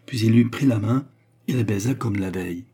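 A man narrating a classic novel as an audiobook in a measured, even way. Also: lowish voice, breathy edge.

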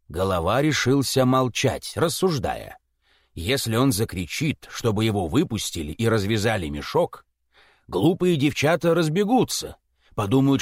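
A man narrating a classic tale in an expressive, theatrical reading. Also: medium pitch, no room sound, clean studio sound.

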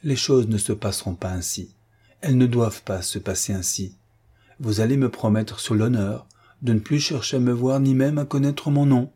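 A man reading the lines of a gentle, sad young nurse in an audiobook, in a soft, restrained voice. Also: mid-range voice, normal speed, husky, close to an everyday voice. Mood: earnest.

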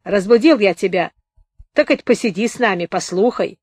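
A woman doing a gruff hoarse wounded soldier. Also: medium pitch, animated, normal speed, darkish tone, no room sound, clean studio sound. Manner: blunt, rough commands. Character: puffy-faced wounded soldier, man, gruff and demanding.

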